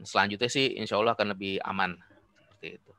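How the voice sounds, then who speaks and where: A man's voice: fairly low pitch, fairly even intonation, fast talker, creaky, pushed and bright, no echo. A male co-presenter on a video call, affable and agreeable, often turning to address the audience. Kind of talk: casual webinar talk.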